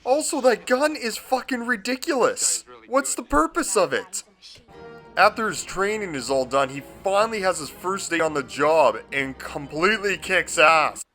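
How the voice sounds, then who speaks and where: Excitable high-voiced man reviewing a movie. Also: moderate pace, faint music behind. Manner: profane, excitable and gushing.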